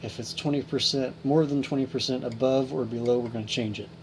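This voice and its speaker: Speaking a little fast in a steady, medium-pitched voice, the host of a hobby electronics repair series talks viewers through a hands-on fix. His manner is informal and folksy as he explains each step and thinks out loud, over distinct background noise in a homemade video.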